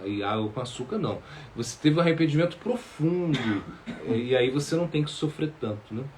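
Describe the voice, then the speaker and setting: A male spiritual teacher, answering questions in a halting sermon full of fillers and repeated words. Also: fairly high pitch, animated, a little mellow, a little hiss or hum.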